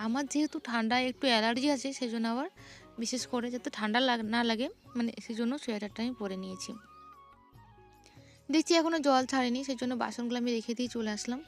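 Young woman vlogging her chores, kinda high voice, chatty, light music behind. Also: fast. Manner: chatty, describing chores as she goes. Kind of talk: casual vlog narration.

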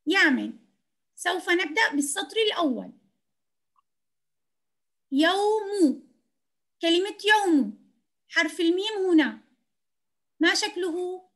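A woman's voice: very high-pitched, animated. A woman teaching young children to read in an online class, speaking patiently and encouragingly. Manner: patient, encouraging, slow and clear. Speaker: kindergarten teacher. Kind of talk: online reading lesson.

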